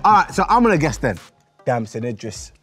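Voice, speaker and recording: A young man co-hosting a guessing show, teasing and joking in quick back-and-forth banter. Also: mid-range voice, sing-song, fairly bright tone, faint music behind.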